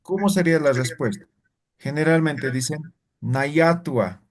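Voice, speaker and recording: A man's voice: a little high, lively intonation, moderate pace, a little mellow. A man teaching a language class, explaining patiently step by step and checking in with short tag questions. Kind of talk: classroom lesson.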